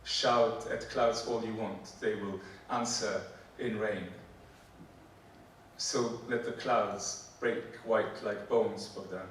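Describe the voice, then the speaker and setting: A Polish performance poet in his 40s stands on a theatre stage before a live audience, reading poetry slowly and deliberately, then bantering in a halting, joking way with lots of fillers while the crowd laughs. His accented voice is low-ish with fairly even intonation, picked up by a distant mic in an echoey hall with a bit of hiss or hum.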